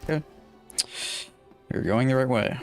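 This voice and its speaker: A young man giving relaxed, casual commentary while playing a video game, talking to himself and his viewers. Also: mid-range voice, unhurried, vocal fry. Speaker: gameplay streamer. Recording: faint game music behind. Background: faint game music.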